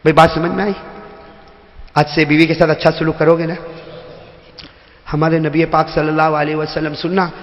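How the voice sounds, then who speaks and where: A man's voice: fairly high pitch, level tone, long pauses, lo-fi sound. A male preacher giving a humorous sermon to a seated gathering in a large hall, teasing listeners by name and calling out to the crowd. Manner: jokey, teases listeners by name, calls out to the crowd. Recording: echoey hall with long reverb.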